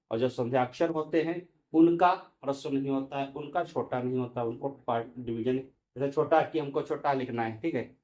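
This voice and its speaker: A man's voice: mid-range voice, a little mellow. A male teacher giving a lesson, explaining each point step by step and asking and answering his own questions. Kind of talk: classroom lesson explaining grammar.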